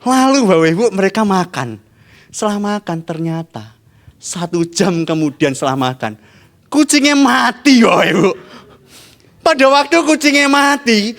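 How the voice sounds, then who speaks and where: Male pastor, high and lively, spins a comic sermon story and keeps talking to his congregation. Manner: animated, playful, addresses the congregation often.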